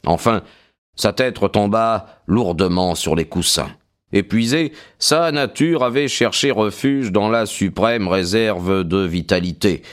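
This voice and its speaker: A man giving measured scripted narration of a detective audiobook. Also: lowish voice.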